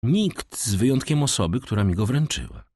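A male reader plays an earnest young prisoner, eager to please and quick to swear his honesty. His tone stays low and sincere. The reading is close-miked and dry. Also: wildly swooping pitch, a little mellow, breathy edge, dry recording, exaggerated voice. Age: young adult.

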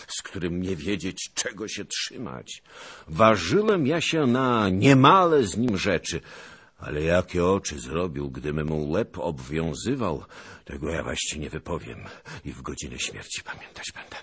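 A man voicing a boastful, blustering old nobleman who scoffs loudly and theatrically. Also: a bass voice, lively intonation, a little slow, breathy edge, exaggerated voice. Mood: uneasy grumbling.

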